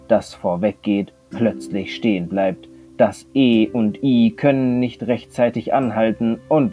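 A male primary school teacher calmly and clearly reading a children's story aloud in a distance lesson. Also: on the low side. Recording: slightly dull lo-fi recording.

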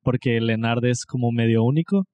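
A young man from Monterrey, talking at an easy middle pitch. He rambles casually and pokes fun at himself as a podcast co-host. His voice is close and dry, with no room sound. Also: moderate pace, no room sound. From Mexico (Monterrey). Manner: relaxed, rambling, self-deprecating. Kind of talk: casual chat.

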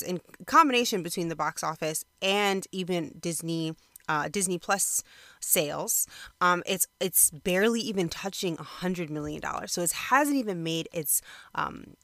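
A woman's voice: on the low side, fairly bright tone, dry recording, clean studio sound. A woman giving a casual solo review in natural, unscripted talk, conversational and rambling as she thinks aloud with frequent hesitations. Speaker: movie reviewer.

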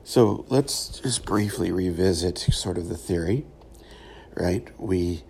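Low, gravelly middle-aged man, thoughtful and unhurried. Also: dark tone, slight background noise. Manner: thoughtful, halting, pausing often. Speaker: podcast host, former pastor. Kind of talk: reflective solo podcast monologue.

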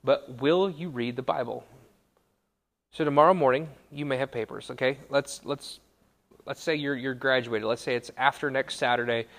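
A young adult man, a college pastor, giving a casual sermon to students, talking conversationally with quick self-corrections and asides. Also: medium pitch, steady tone, fairly bright tone. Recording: long hall reverb.

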